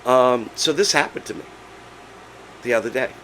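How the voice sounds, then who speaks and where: A man of sixty with laryngitis, his hoarse voice giving out as he chats casually and haltingly as a vlog host. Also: mid-range voice, fairly bright tone, slight background noise, rough recording. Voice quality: hoarse, breaking voice. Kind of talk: casual personal vlog, chatty storytelling.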